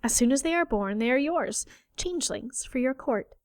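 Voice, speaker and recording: A woman's voice: high-pitched, expressive, normal speed, darkish tone, no echo, clean studio sound, voice pushed up. A woman reading a defiant young woman who bargains in a cool, controlled voice.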